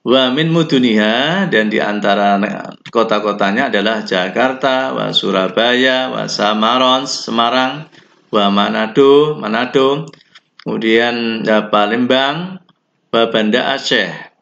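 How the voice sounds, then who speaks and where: Male Indonesian-accented teacher, gravelly low-key voice, unhurried recorded lesson. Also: a bit bright. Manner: slow, explains Arabic phrases in Indonesian. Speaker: Arabic teacher. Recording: dull lo-fi recording.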